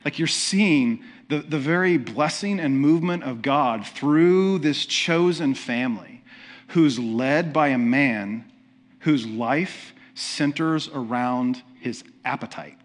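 A man's voice: medium pitch, slow. A man preaching a sermon in a conversational way, asking the listeners questions and often restarting his sentences. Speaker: pastor.

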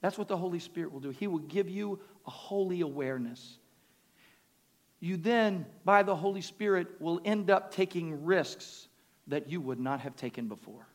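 A man preaching a sermon in a booming, exhortatory motivational manner, insistently repeating phrases and calling on listeners to respond. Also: normal speed. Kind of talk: sermon with altar call and prayer. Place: live service before a congregation. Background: music playing.

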